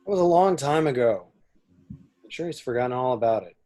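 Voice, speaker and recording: A man playing a cocky, evasive starship pirate with a husky voice and offhand, clipped lines in a script read. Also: medium pitch, expressive, fairly quick, dark tone, close to an everyday voice. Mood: defensive, evasive. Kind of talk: dramatic table read of a film script.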